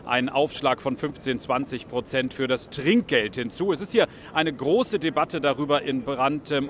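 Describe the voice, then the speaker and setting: Brief: man, 40s, German accent, street reporter with a handheld mic, halting English, faint street noise behind. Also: mid-range voice. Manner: hesitant, many ums and uhs in English. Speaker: finance correspondent and interviewer. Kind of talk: street interview, report to camera. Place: outdoors on a city street. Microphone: handheld microphone.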